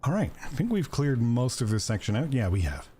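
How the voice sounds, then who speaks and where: Man, gaming streamer, casual commentary, lively up-and-down voice, joking asides, faint hiss behind. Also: medium pitch, fairly quick. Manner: chatty, joking asides to viewers.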